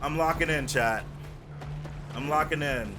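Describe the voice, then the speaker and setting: Chatting with viewers during a livestream, a man gives laid-back gaming commentary full of slang, repetition, and easy banter. His voice is on the high side and unhurried, with a noisy background and music playing.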